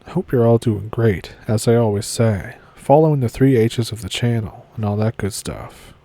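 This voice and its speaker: A man hosting and narrating stories in a casual, unhurried way, slightly mumbling because a sore jaw keeps his mouth from opening fully. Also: medium pitch, mellow, no room sound. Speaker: host reading listeners' encounter stories. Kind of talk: scripted storytelling narration.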